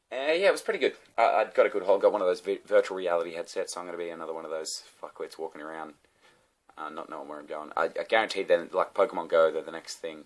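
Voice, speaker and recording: Deep-voiced Australian man ranting profanely. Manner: profane, rambling, sardonic asides. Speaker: comedian vlogger. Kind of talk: casual ranting monologue to camera.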